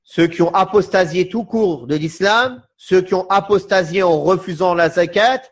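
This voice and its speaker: A man teaching a religious lesson, slowly and with emphasis, who repeats quotations and asks his listeners questions. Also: sits high, slightly rough. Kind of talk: religious lecture.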